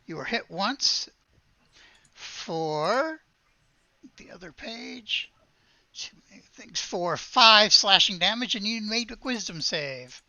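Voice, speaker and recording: Brief: easygoing woman game master, bright tone, dry close sound. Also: mid-range voice, expressive, slow, long pauses, no room sound, dull audio. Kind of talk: running a tabletop game over a call.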